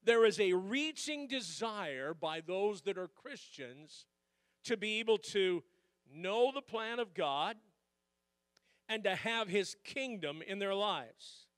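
A man with a high voice preaches to his congregation, his words ringing out into a big church hall. He swings from quiet, reflective passages to loud, emphatic calls, all picked up on a close, dry microphone. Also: lively intonation, slow, clear, resonant tone. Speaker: pastor. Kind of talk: sermon.

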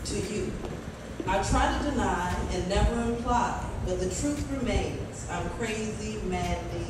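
A woman hosting an event and reciting a spoken-word love poem with slow, dramatic pauses. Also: medium pitch. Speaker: event host and poet. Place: indoor event venue. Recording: echoey venue, distant mic, loud crowd noise.

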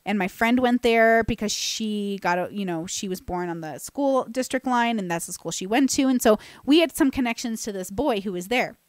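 A woman's voice: medium pitch, moderate pace, few pauses, no echo. A young woman from California hosting a podcast, telling a personal story in a chatty, self-deprecating way with frequent restarts and fillers, close to a studio microphone. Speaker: podcast host. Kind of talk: casual storytelling monologue. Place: bright room with plants. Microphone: boom-mounted studio mic close to mouth.

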